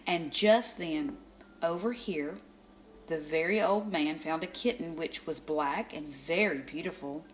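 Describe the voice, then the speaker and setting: A woman reading a children's picture book aloud as storyteller, expressive, with dramatic emphasis. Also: low-pitched, unhurried. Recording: faint background noise.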